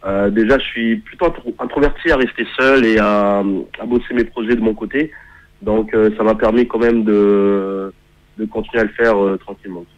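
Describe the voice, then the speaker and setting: A man in his thirties who grew up in Kenya and speaks English natively, answering interview questions on radio in a relaxed, hesitant way. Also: lowish voice, lo-fi sound. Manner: relaxed, hesitant with many pauses. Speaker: guest musician.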